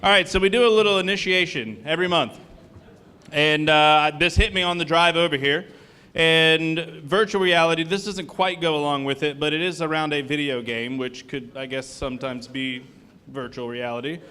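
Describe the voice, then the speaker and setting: A man's voice: a little high, fairly even intonation, normal speed, bright, forceful tone, smooth. A man hosting a live event on stage, joking with the audience and a little out of breath. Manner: joking, upbeat, addresses the crowd directly. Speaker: event host. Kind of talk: live stand-up style emceeing.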